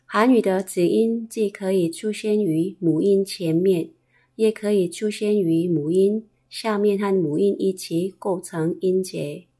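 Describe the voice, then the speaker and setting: A woman's voice: mid-range voice, unhurried, dark tone, breathy edge. A woman teaching a pronunciation lesson, enunciating carefully and repeating each drilled syllable. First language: Korean. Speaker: Korean language teacher.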